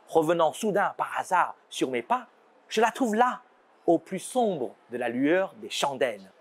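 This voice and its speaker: A man's voice: high voice, husky. A man from China, presenting a scripted educational segment and explaining with playful asides. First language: Chinese. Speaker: show host.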